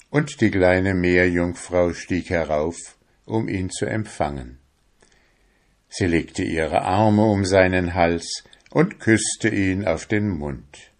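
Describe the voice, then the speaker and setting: Deep, slow-reading storyteller man. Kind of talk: fairy-tale narration.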